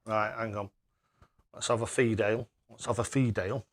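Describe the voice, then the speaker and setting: A man's voice: fairly low pitch, steady tone, normal speed, heavy background noise. A man chatting casually on a live stream as he plays darts, matey and self-deprecating.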